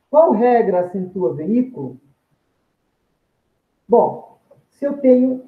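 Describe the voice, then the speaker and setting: A man, a grammar teacher giving a video lecture, explaining step by step and answering his own questions. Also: sits high. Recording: tinny phone-like sound in an echoey room.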